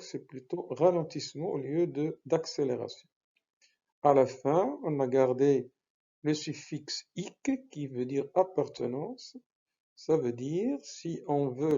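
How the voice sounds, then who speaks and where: A man giving a medical lecture, halting often with hesitations and self-corrections. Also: medium pitch, warm tone. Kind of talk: explanatory lecture. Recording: muffled lo-fi recording.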